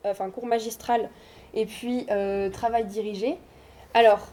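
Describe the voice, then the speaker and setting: A young adult woman, a student, giving an informal, reassuring talk to high schoolers in a school room, hesitating often with fillers. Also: mellow, slight background noise. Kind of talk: informal presentation.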